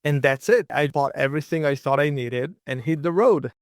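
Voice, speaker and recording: A man's voice: fairly high pitch, normal speed, no echo, studio quality. A young man from Israel, a guest telling travel stories in an easygoing, chatty way with many fillers. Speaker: guest, long-distance bicycle traveler. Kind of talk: casual interview storytelling.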